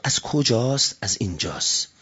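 A man preaching a sermon with passion, dropping low and quiet, then rising to loud shouts, and reciting classical Arabic slowly and solemnly. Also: big pitch swings, breathy edge. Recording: dull lo-fi recording.

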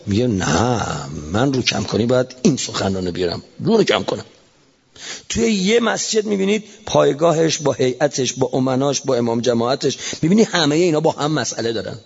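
A man preaching a fiery religious sermon, swinging between shouting and low storytelling. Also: gravelly, slightly rough. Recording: lo-fi recording in a reverberant hall.

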